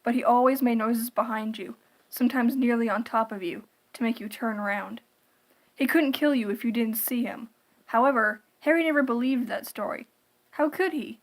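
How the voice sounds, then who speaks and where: In a poorly recorded clip, a female narrator with a slightly high-pitched voice performs a written horror tale. She takes her time and leans into the drama, much like creepypasta storytelling.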